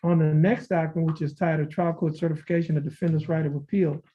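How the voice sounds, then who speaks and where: A male judge conducting a formal plea hearing in a courtroom recording, reading documents aloud in a measured, formal way. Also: on the high side, level tone. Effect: courtroom recording heard over a video call. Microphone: video call. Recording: dull lo-fi courtroom audio with faint hiss.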